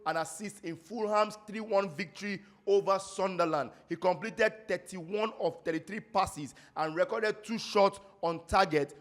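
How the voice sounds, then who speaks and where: Nigerian man, high voice, casual football roundup host, chatty, pidgin asides. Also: a bit bright. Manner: chatty, stumbles over names, drops pidgin asides.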